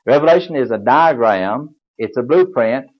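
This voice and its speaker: A man's voice: mid-range voice, animated, moderate pace. An older man preaching a Bible lecture, explaining in a folksy way and spelling words aloud. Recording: dull lo-fi recording.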